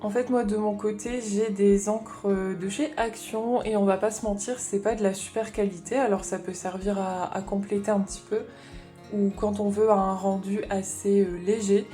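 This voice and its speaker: A woman's voice: mid-range voice, fairly even intonation, moderate pace, dark tone, faint music behind. A woman chatting casually in a haul vlog, explaining her craft supplies as she thinks aloud. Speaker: craft vlogger.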